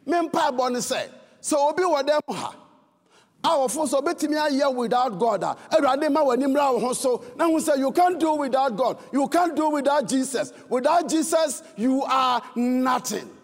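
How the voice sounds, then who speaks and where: High-voiced, fervent Ghanaian preacher man. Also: expressive, normal speed, in a large hall. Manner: emphatic, shifting between fervent shouts and low earnest tones. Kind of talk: sermon.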